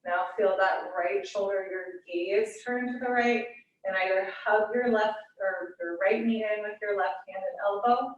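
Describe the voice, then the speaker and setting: A woman yoga teacher guiding a class in a soothing, unhurried manner, with gently inviting cues and pauses between them. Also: mid-range voice, highs cut off. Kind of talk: guided hatha yoga instruction. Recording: echoey room, distant microphone.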